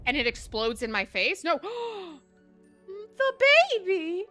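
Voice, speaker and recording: A woman in her thirties streaming a video game live, chatting to viewers in an excitable, exclamatory way. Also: sits high, slow, soft background music. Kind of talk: live gameplay stream chat.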